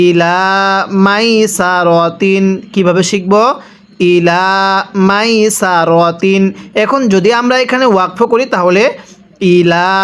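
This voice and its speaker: Bangladeshi male Quran teacher, clear high voice, unhurried lesson recitation. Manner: explains quickly in Bengali, then recites Arabic slowly and drawn out for repetition.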